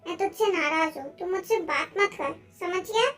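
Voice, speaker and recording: A woman's voice: very high voice, normal speed, fairly bright tone, soft background music. A woman voicing a young man who is a cheeky, teasing best friend in a fan-dubbed story. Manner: teasing, bossy.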